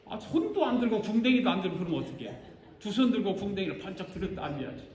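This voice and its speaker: An older man preaching a sermon as pastor, animated and joking as he acts out how a congregation answers. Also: high voice, quick pace. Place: church sanctuary. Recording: echoey church sanctuary.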